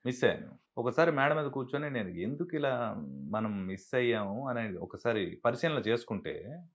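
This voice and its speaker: A man's voice: mid-range voice, moderate pace. A man who works as a dubbing artist, telling stories in a casual interview and acting out the voices of people he quotes. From Andhra Pradesh, India. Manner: animated, acts out quoted dialogue.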